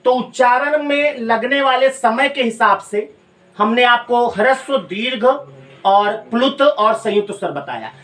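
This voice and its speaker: A man's voice: very high-pitched, lively intonation, fairly bright tone. Male Hindi teacher, echoey distant classroom. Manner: asks the class questions and answers them himself; repeats key phrases slowly for note-taking. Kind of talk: classroom lecture. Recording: echoey room, voice from a distant mic.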